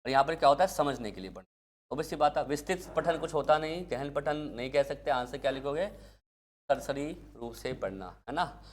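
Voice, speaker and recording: A man's voice: on the high side, expressive, moderate pace. A male teacher giving an exam-prep lecture, asking questions and answering them himself. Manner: asks questions and answers them himself, addresses students as kids.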